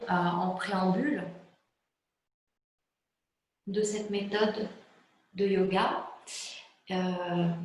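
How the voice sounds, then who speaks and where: A woman yoga teacher calmly explaining a guided relaxation method, pausing often with hesitant fillers. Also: mid-range voice. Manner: calm, slow, hesitant with frequent fillers. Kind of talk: spoken yoga class introduction. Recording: very echoey room.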